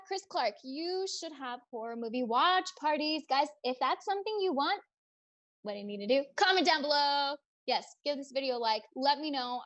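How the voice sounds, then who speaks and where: A young woman hosting a casual livestream, chatting brightly and reading out viewer comments and questions. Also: high-pitched. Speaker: livestream host.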